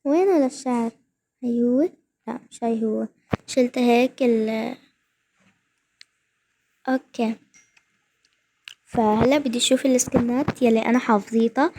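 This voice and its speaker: A young woman, giving excited gameplay commentary and repeating words rapidly when thrilled. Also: fairly high pitch, a little hiss or hum. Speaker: gaming vlogger.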